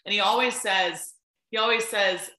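A woman's voice: mid-range voice, fairly even intonation, normal speed, sharp tone, roomy sound, poor audio. A woman in her thirties, a sports reporter, chatting enthusiastically over a video call and telling stories with lots of "um" and "like". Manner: enthusiastic, storytelling, frequent "um" and "like". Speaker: baseball sideline reporter and guest. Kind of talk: casual interview chat. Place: home room, on a video call.

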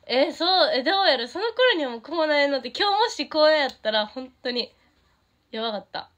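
A teenage idol from Japan with a Kansai accent livestreams to her fans, chatting casually and reading out their comments. Her voice sits fairly high, and she's bubbly and giggly, quick to laugh and light up at what they write. She keeps the conversation relaxed and friendly.

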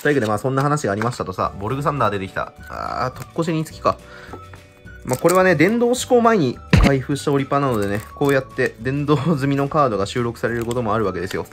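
A man in his twenties chatting casually and excitedly while opening trading-card packs, laughing often. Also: medium pitch, fast, faint music behind. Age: 20s. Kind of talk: casual chat while unboxing.

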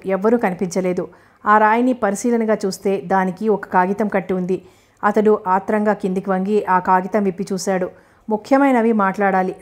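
A woman narrates a novel for an audiobook. Her voice sits in a middle pitch, and her reading is steady and measured.

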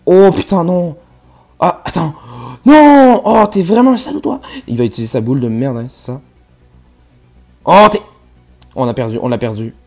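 A man giving live gameplay commentary, swearing often and swinging from low mutters to loud yells. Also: expressive, normal speed, pauses often, faint music behind. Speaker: gaming YouTuber.

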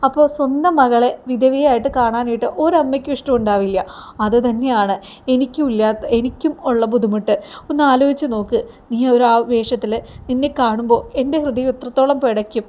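A woman's voice: on the high side, brisk, mellow, natural voice. A woman voicing a worried middle-aged mother pleading with her daughter to give up on a man. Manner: pleading, lecturing.

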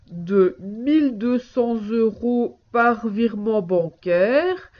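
Woman, fairly high voice, polite and unhurried answering machine message, muffled. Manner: measured, polite, with hesitant fillers. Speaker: caller. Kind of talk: phone message in a listening exercise.

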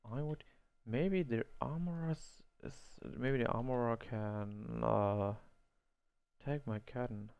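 Slow and creaky, this man's mid-range voice has a clean tone, though the audio is narrow and tinny. He's a gameplay video host, not a native English speaker, rambling and thinking aloud during an online role-playing game while laughing at his own mistakes.

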